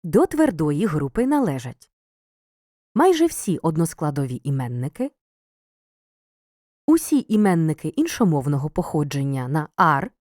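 A woman teacher narrates a scripted lesson in a lively, rising and falling voice that stays mellow and soft-edged. She lays out word forms slowly and distinctly, as if for dictation, and the recording is close and dry, with no room around it. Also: low-pitched, no room sound.

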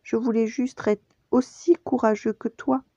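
A woman voicing an eager young male lion cub in a high, excited, childlike voice for a bedtime story. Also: measured pace, no room sound. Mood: sorry. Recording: dull lo-fi dry recording.

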